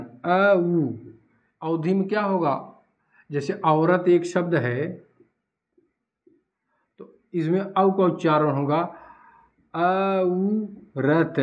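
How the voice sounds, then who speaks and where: A man teaching a Hindi class at a board, who asks questions and then answers them himself. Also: on the high side. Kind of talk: blackboard lecture. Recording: dull lo-fi recording.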